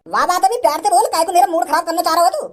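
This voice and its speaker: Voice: extremely high pitch, rapid-fire, a bit bright. A performer voicing a short-tempered village father in a cartoon, mocking and bossy, with a threatening streak. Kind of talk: cartoon voice acting.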